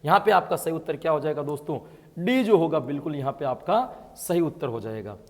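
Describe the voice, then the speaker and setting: A man's voice: fairly high pitch, expressive, fairly quick, darkish tone. A man teaching an exam-prep lesson, explaining answers and asking his students questions as he goes. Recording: long hall reverb.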